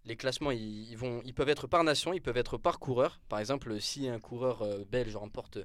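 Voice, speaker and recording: Young man, sports columnist, relaxed radio banter, halting delivery with fillers and restarts, self-mocking, voice sitting mid-range for a man. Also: mid-range voice, dry recording. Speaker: sports columnist on a club show. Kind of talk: casual live radio chat.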